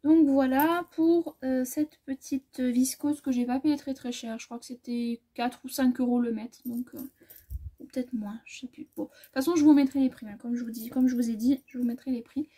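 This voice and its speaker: A high-pitched woman with a mellow, slightly breathy voice chats her way through a fabric haul. She rambles, corrects herself and lets sentences trail off into soft asides. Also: fairly even intonation, normal speed. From France. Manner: chatty, rambling, self-correcting, often trailing off softly. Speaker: sewing vlogger. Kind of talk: casual fabric haul chat.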